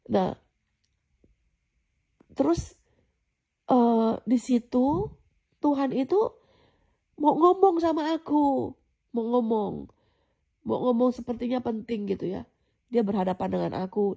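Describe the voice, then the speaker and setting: In a slightly high, gravelly and mellow voice, a woman casually tells viewers about a dream she had. The account rambles, repeating itself and full of fillers and restarts, like informal spoken testimony.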